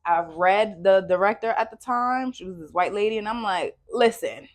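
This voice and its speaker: A young woman co-hosting a podcast, chatting casually and telling stories with lively acted-out quotes. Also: mid-range voice, moderate pace. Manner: animated storytelling, acts out her own quoted lines. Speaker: podcast co-host.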